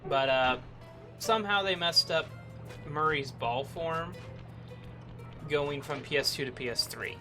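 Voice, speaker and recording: A man's voice: a little high, unhurried, long pauses. A man casually commenting on his game playthrough, rambling with lots of fillers. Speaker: game streamer. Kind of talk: casual let's-play commentary. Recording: game music playing behind.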